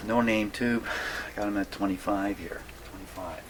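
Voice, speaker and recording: A man hosts a hands-on electronics repair video from his home radio workshop, talking casually through the job and muttering to himself. His voice is fairly low and steady, at a moderate pace, as he thinks aloud. The recording is clear despite background noise.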